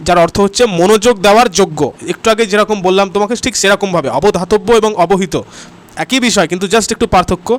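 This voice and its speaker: In an online exam-prep grammar class, a high-voiced man from West Bengal speaks directly to his students. After every answer he asks "ঠিক আছে?", moves on with "next question", and presses viewers to leave comments and likes.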